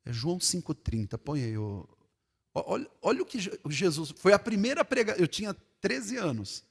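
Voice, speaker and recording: A middle-aged man with a São Paulo accent, preaching a sermon as pastor, talking conversationally and then bursting out loudly. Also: sits high, big pitch swings, normal speed, gravelly, slightly rough. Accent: Brazilian Portuguese, São Paulo. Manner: conversational preaching with sudden loud exclamations. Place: church hall. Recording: echoey church hall.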